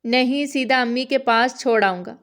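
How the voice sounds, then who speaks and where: A woman's voice: on the high side, a bit bright. Woman reading a curt, stern husband. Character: stern tired older-brother husband, gruff but fond.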